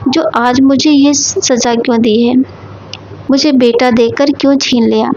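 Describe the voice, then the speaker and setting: A woman's voice: sits high, darkish tone, a little hiss or hum. A woman voicing a grieving old mother who pleads and laments, on a dull lo-fi recording.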